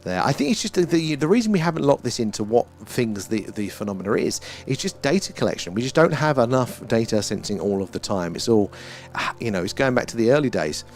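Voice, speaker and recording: Faint music sits behind this British man as he talks fast and animatedly in a mid-range voice. It's a casual, meandering livestream chat where he muses philosophically and swears a little.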